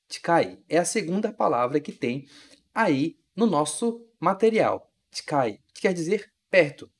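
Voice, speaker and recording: A teacher walks through a recorded video lesson. The delivery is patient and methodical, with example words repeated slowly and frequent checks that the learner has understood. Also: medium pitch, a little mellow. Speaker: Japanese language teacher.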